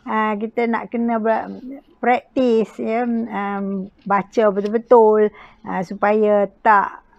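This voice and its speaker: A woman with a Malaysian accent teaching poetry recitation in an informal lecture, halting often and adding little checking tags. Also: mid-range voice, little pitch movement, gravelly, dull audio. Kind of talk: informal spoken lecture with examples.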